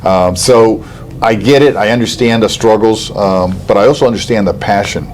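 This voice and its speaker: A man's voice: lowish voice, darkish tone, a little hiss or hum. A man in his sixties from Cuba, a political candidate answering interview questions earnestly, with frequent ums and uhs. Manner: earnest, talks fast in long runs with frequent um and uh.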